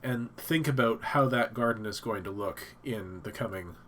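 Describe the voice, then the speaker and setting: A man's voice: lowish voice, normal speed, a bit bright, slight background noise. A man hosting a casual live stream from his home office, stuffed up and thinking aloud with many fillers and restarts.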